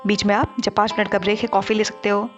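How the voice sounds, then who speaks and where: A woman narrating an animated study-tips explainer, talking to viewers in a chatty teaching manner. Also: mid-range voice, fast, dull audio, faint music behind. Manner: conversational teaching, addresses viewers directly.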